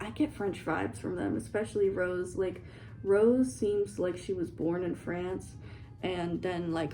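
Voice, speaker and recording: A young woman with a fairly low, dark-toned voice rambles playfully while doing her makeup in a dorm room. She's a beauty vlogger filming a casual get-ready-with-me video, and the recording sounds rough.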